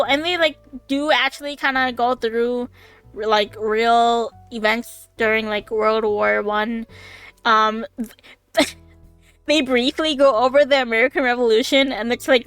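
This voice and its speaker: High, bright-voiced chatty young woman. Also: clear, resonant tone, dry recording. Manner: rambling, chatty, full of fillers and laughs; excitable, swears casually. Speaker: streamer. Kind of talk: casual chat on a live stream. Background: faint background music.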